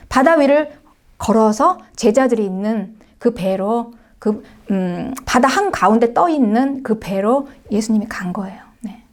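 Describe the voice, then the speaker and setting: A woman pastor preaching a sermon, retelling scripture as a story, often slipping in short affirmations and sometimes dropping to a near-whisper. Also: on the high side. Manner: animated storytelling, acting out scripture voices; frequent affirming asides and soft drops to near-whisper.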